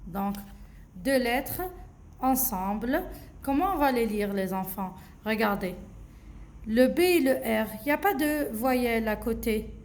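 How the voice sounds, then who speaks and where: A woman teacher, slowly and patiently running a phonics lesson for children and repeating each sound. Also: fairly high pitch, expressive, darkish tone, slight background noise. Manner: slow, patient, repeats sounds with many checks of "d'accord?".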